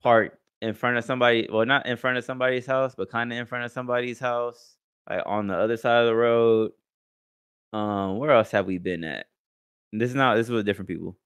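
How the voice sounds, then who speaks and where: A man's voice: medium pitch, fairly even intonation, fairly quick, fairly bright tone, smooth. A young American man chatting and telling stories on a podcast in casual, profane slang. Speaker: podcast co-host. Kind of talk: casual storytelling chat.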